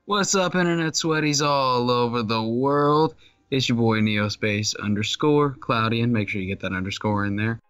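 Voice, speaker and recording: A man's voice: mid-range voice, normal speed, fairly bright tone, clean tone, no echo, highs cut off, faint music behind. A man co-hosting a casual movie talk, hyped and teasing as he opens the show. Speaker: co-host.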